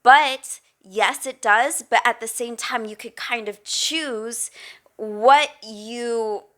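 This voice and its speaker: A woman's voice: a little high, slow pace, fairly bright tone. A woman speaking as a guest in a casual interview, talking in an earnest, reflective way, often adding "like" and "you know". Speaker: podcast guest, spiritualist.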